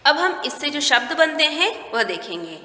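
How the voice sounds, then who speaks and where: Woman, teacher, slow careful dictation for small children, high bright voice, long echo. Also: very animated. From India. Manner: slow, clear word-by-word dictation for young children. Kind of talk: primary school lesson. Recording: echoey room with long reverb.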